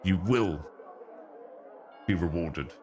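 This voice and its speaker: A game master using a voice changer that deepens his voice, playing a stern, commanding male captain of the city guard who gives curt orders. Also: slow, a little mellow, soft background music.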